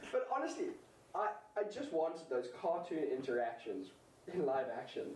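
A man chatting casually about comics and films, animated and laughing often as he acts out lines. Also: on the high side, moderate pace. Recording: roomy, distant mic, faint noise.

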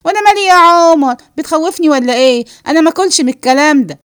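A woman voicing a brash, defiant young woman with an Egyptian accent, shouting and sharp-tongued in a read-aloud play. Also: high-pitched, very fast, dry recording, clean studio sound, voice pushed up, natural voice.

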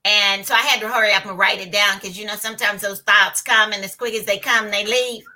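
A woman's voice: medium pitch, steady tone, a little fast, bright, forceful tone, low-quality recording. A woman co-hosting a faith conversation, responding with affirming remarks and folksy phrases.

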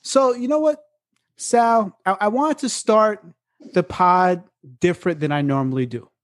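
Male podcast host, slightly high pitch, playful and irreverent, dry recording. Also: measured pace, no room sound. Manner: playful, joking, swears, mock radio voice. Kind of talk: casual podcast chat.

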